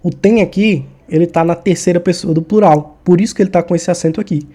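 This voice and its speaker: Brief: male tutor, somewhat high voice, very mellow and soft-edged, casual and friendly, often checks in with listeners. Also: quick pace, breathy edge. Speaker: exam-prep Portuguese teacher. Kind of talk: casual explanatory lesson.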